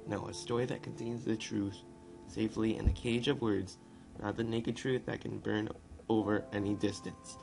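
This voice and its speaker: A gaming video narrator speaks in a lowish, gravelly voice with a darkish tone, flat delivery and moderate pace. He reads text loosely and informally as an amateur, stumbling and ad-libbing between bits of casual commentary. Guitar and piano music plays in the background.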